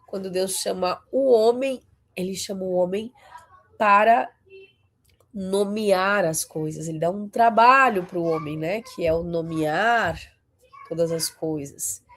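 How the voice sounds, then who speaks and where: A woman in her 40s with a voice on the high side gives a conversational talk to fellow Christians. She often ends her sentences with a questioning "né?" and leans into emphatic rises.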